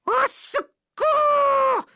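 A woman's voice: on the high side, sing-song, takes it slowly, a bit bright, no echo, studio quality, exaggerated voice. A woman playing a terrified female witch begging for mercy in an audio drama. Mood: pleading. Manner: begging, frightened.

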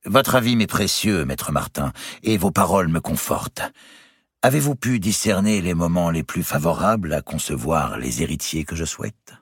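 A man voicing an eager, vain young French king with a husky voice, reading a novel aloud. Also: low voice, expressive, normal speed, no echo, studio quality, full character voice.

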